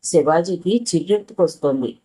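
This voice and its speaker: A woman's voice: fairly low pitch, a little fast, warm tone, breathy edge, low-quality recording. Woman reading a novel aloud. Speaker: storyteller.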